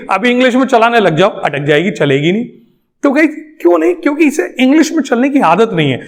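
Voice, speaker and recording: A male English trainer, lecturing a class emphatically and answering his own questions. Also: high voice. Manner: emphatic, repeats points, asks questions then answers them.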